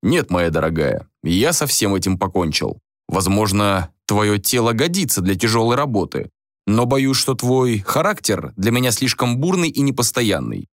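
A weary, proud hero in a storybook reading, curt and formal, close to the reader's own voice but lively in pitch, as a man plays him. The sound is close and dry. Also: normal speed, no echo. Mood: dismissive.

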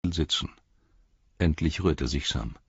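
A man reading a fantasy audiobook as narrator, with a lively, dramatic delivery. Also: rumbling low, slow pace, creaky, breathy edge, no echo, dull audio.

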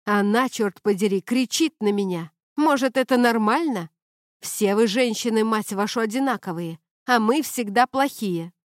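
A woman reading an audiobook, voicing an angry drunk young man who blusters and swears loudly. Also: fairly high pitch, lively intonation, moderate pace, dry recording, clean studio sound, lightly acted.

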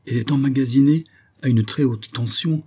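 A man narrating an audiobook in a measured, expressive reading. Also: mid-range voice, slightly rough.

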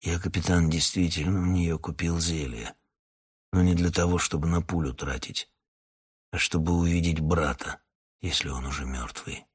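A man voicing a tired, sullen middle-aged male hunter who mutters quietly. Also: sits low, fairly even intonation, normal speed, husky. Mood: weary sullen.

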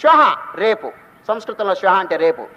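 An older man giving a spiritual discourse, chanting Sanskrit verses slowly and explaining them with questions to his listeners. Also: high-pitched, lively intonation, a bit bright. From Telugu-speaking South India. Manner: asks the audience rhetorical questions. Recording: long reverb, dull lo-fi sound.

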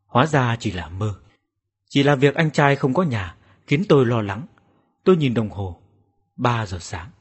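A man's voice: medium pitch, breathy edge. A man narrating a first-person horror story in a dramatic, suspenseful way. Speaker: audiobook narrator.

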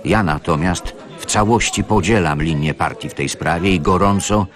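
A man's voice: low voice, moderate pace, pitched above the performer's own voice, close to an everyday voice. An actor reading an indignant, aggrieved middle-aged male factory worker in a radio story. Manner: indignant, pleading.

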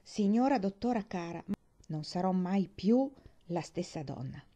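A woman's voice: fairly low pitch, expressive, a little slow, mellow. A woman reading aloud voices a fussy housekeeper telling her worries in a gossipy, dramatic way. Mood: fretful.

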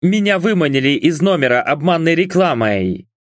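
A man's voice: fairly high pitch, sing-song, normal speed, no echo, studio quality, pitched above the performer's own voice. A man voicing a frightened male servant who pleads and mumbles in an audiobook.

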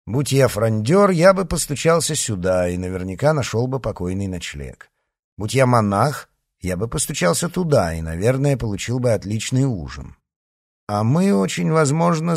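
A man's voice: medium pitch, creaky, no echo, clean studio sound. A man reading a story aloud and voicing a bold, hot-tempered young musketeer who speaks in a brash, defiant way. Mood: wry. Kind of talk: audiobook character reading.

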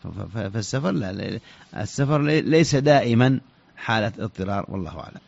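Gravelly-voiced man answering religious questions. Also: on the low side, lively intonation, a little mellow, dry recording, muffled recording. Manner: halting, repeats words while searching for them. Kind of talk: radio fatwa answers.

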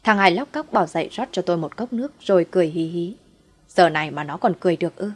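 A woman's voice: fairly low pitch, animated, fast talker, husky. A woman narrating a first-person family drama story, telling it through the husband's eyes.

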